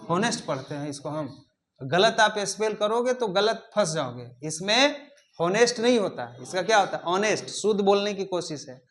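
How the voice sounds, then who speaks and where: A male English teacher leads a classroom grammar lesson in a high, lifted voice. He keeps firing questions at the students and repeats his prompts until they answer. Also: a bit bright.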